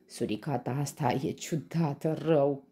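A woman's voice: dark tone, breathy edge, exaggerated voice. A woman voicing a boastful male lion in a storybook, who mocks and then yelps shrilly. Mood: mocking. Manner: gloating laughter turning to shrill yelps.

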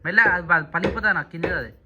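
Brisk man directing chores. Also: high voice, lo-fi sound. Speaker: vlogger. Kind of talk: casual chat while working. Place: village home. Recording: loud background noise.

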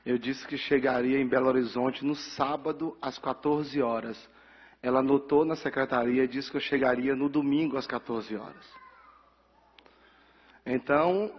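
A middle-aged man from Bahia with a Bahian accent, a pastor telling his life story in a ceremony speech and acting out the dialogue with lively energy. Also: mid-range voice, normal speed, slightly rough. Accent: Bahian Portuguese. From Bahia, Brazil. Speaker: pastor receiving an honorary title. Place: large council chamber. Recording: dull sound with long hall reverb.

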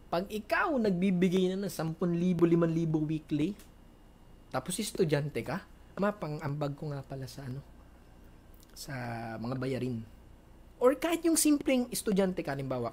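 A man giving casual, chatty coaching advice to viewers in a Q&A, mixing in English phrases and laughing often. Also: fairly high pitch. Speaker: networking coach hosting a Q&A.

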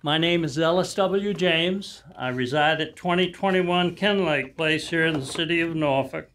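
An older man addressing a council as a resident, in a measured, deliberate and courteous public comment. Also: a little high, a bit bright, slight background noise. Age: 60s or older. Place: large council chamber, indoors. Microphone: podium gooseneck microphone.

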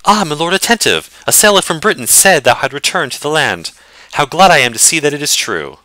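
A man's voice: a little high, big pitch swings, brisk, sharp tone, no room sound, pitched above the performer's own voice. A man voicing a gracious noblewoman who runs a castle with her husband, speaking in courtly old-fashioned phrasing.

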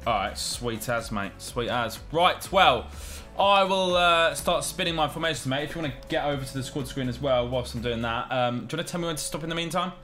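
A young British man with a fairly high, bright voice gives casual commentary on a game as host. Music plays behind him. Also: quick pace, few pauses. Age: 20s. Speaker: gaming YouTube host. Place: small room at home.

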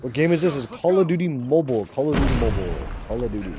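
A man live-streaming a mobile shooter, chatting casually and excitedly urging his viewers, often repeating himself. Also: medium pitch, rapid-fire, noisy background.

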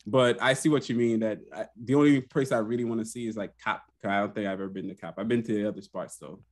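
A man's voice: on the low side, steady tone, quick pace. A man who grew up in Haiti, co-hosting a podcast, joking and teasing in casual banter. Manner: joking, teasing, laughs often.

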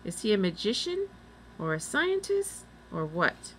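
A woman reading the part of a young girl in a storybook, eager and quick to act. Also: mid-range voice, big pitch swings, a bit bright, a little hiss or hum, rough recording.

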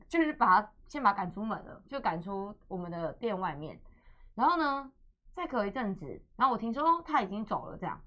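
A young woman with a Taiwanese Mandarin accent, hosting a radio chat and telling stories with acted-out dialogue and laughter. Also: medium pitch. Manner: animated storyteller, acts out dialogue, laughs often. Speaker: radio host. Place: radio studio.

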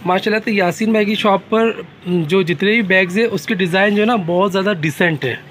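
Man, high voice, Karachi Urdu accent, enthusiastic vlogger, faint shop noise. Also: brisk, a bit bright. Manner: enthusiastic, repeats prices back. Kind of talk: shopping vlog presenting. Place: busy bag shop in a mall.

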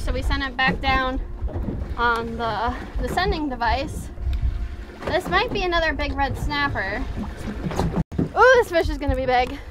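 A young woman on a fishing trip, narrating casually and cheerfully from a boat offshore. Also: sits high. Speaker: angler on the trip. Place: open boat offshore, outdoors. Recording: loud outdoor boat noise.

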